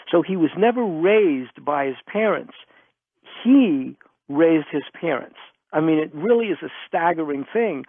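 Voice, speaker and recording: An interviewed author with a voice on the high side tells stories with emphasis, circling back through repetition to make his points. The audio has phone-quality, band-limited radio sound, recorded close and dry with no room sound.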